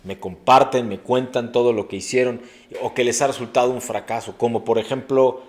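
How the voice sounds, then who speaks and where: A man's voice: mid-range voice, steady tone, fairly quick. A middle-aged man preaching a sermon as a pastor, earnest and preacherly, with sudden emphatic rises.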